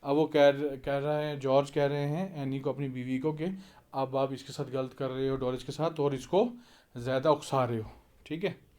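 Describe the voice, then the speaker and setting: A man teaching an English play. He reads each English line slowly, then explains it in Hindi with frequent fillers. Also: mid-range voice, fairly even intonation, a little mellow.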